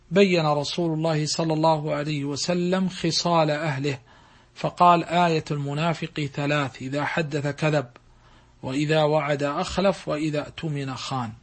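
Higher-voiced man lecturing in formal standard Arabic. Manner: formal, measured classical diction, reciting and explaining quotations. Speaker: religious teacher giving a hadith lesson.

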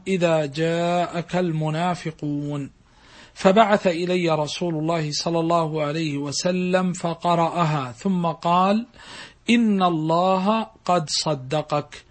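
A man teaches a religious class. He uses formal standard Arabic throughout, with measured classical diction. His delivery moves between reciting texts and explaining them in the manner of a scholar. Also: a little high. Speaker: religious teacher giving a hadith lesson.

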